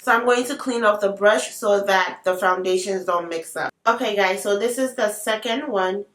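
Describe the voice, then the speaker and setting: A woman's voice: medium pitch, normal speed, fairly bright tone. A woman with an African accent, chatting casually through a makeup tutorial with playful asides. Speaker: beauty vlogger. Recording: roomy sound, mic at a distance.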